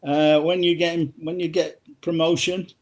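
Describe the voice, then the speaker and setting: A man's voice: fairly high pitch, flat delivery, normal speed. An older man, a former footballer, chatting casually as a guest on a phone-in and telling anecdotes with frequent laughs.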